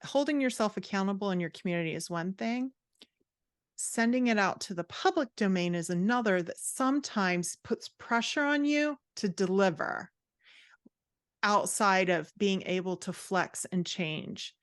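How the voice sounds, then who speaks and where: A middle-aged woman, guesting on a podcast as an author and writing coach, gives candid, emphatic advice and explains things conversationally, calling herself sassy. Her mid-range voice has lively intonation at a moderate pace, smooth in a dry, clean studio recording.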